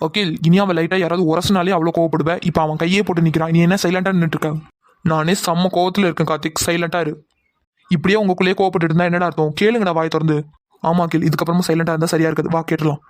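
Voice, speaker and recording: A man voicing several young men in a Tamil cartoon drama, talking quickly and heatedly as they bicker. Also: fairly high pitch, dry recording. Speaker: voice actor for several male cartoon characters.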